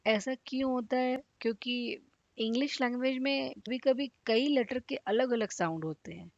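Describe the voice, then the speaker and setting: A woman's voice: a little high, moderate pace, vocal fry, no echo, highs cut off. A woman teaching phonics with a Hindi accent, sounding out each letter and then blending them into words. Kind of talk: slow sounding-out phonics lesson.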